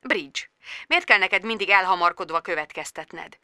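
A reserved grown man, hurt and cool, speaking low and quiet on the phone, as a woman reading the story puts him on. His words come clipped and restrained, recorded dry and close. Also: smooth, dry recording.

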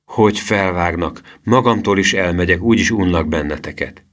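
A man's voice: low voice, a bit bright. A man voicing a sulky, rude boy who talks back and scorns the others in an audiobook. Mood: scornful.

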